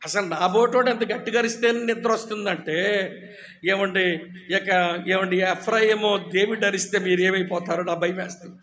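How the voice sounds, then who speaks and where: A man preaching a sermon, firing questions at the congregation for call-and-response and teasing listeners who doze off. He says he preaches loudly. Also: sits high, fairly quick, a little hiss or hum. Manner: teasing, humorous about dozing listeners. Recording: echoey hall.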